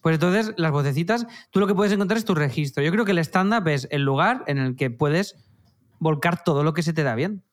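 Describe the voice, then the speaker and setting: A man's voice: a little high, brisk. A man, a comedian chatting enthusiastically on a podcast. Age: 30s. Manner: enthusiastic, animated storytelling. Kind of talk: casual podcast chat.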